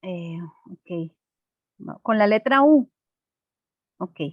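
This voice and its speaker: A woman's voice: medium pitch, expressive, very slow, dry recording, muffled recording. A woman teacher explaining a lesson patiently and simply, checking in with her class through frequent rhetorical questions.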